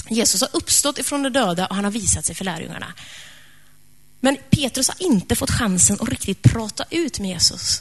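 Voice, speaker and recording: A woman preacher retelling a story in a lively, conversational sermon. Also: a little high.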